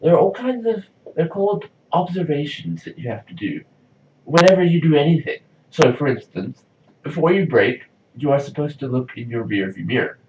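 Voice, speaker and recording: This vlogger, a young man from South Africa, talks casually and at length into his video diary, leaning heavily on "like." His pitch sits fairly high and swings widely, his pace is moderate, and his tone is a little mellow. Captured from afar on a camera mic, the audio is distant, roomy, and dull, with a touch of background noise.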